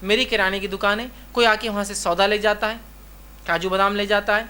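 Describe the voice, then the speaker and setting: A man's voice: sits high, steady tone, bright, forceful tone, clean tone. A man giving a religious lecture. He talks emphatically, keeps repeating "remember" and acts out short dialogues in his examples. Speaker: Islamic preacher.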